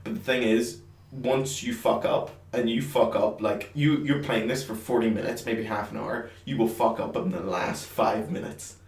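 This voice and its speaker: A man's voice: on the low side, fairly even intonation, moderate pace, vocal fry, distant mic. A man co-hosting a podcast, chatting casually about games and swearing now and then. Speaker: podcast co-host. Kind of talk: casual gaming chat. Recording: echoey room, a bit off-mic.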